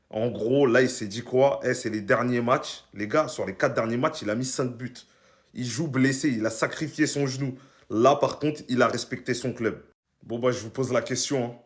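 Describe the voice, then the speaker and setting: A man giving a casual football reaction, talking straight to his viewers and asking them questions. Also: medium pitch. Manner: chatty, asks the viewers questions.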